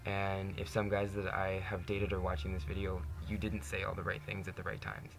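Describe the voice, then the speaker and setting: A Canadian vlogger in his twenties talks candidly to the camera in a personal monologue, earnest and laughing often while saying "you know" constantly. His voice is low and creaky, slightly fast, with a completely flat delivery.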